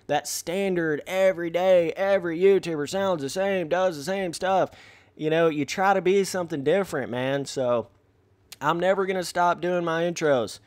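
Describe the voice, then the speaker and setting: Brash young guy yakking over gameplay, slangy, kinda high voice, dead dry mic. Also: normal speed, darkish tone, dry recording. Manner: brash, slangy, talks straight to viewers. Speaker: gaming YouTuber. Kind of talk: casual gameplay commentary.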